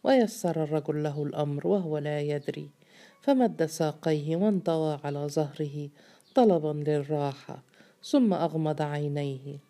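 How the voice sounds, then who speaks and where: A woman narrating an audiobook story in a measured, dramatic reading. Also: low voice, mellow.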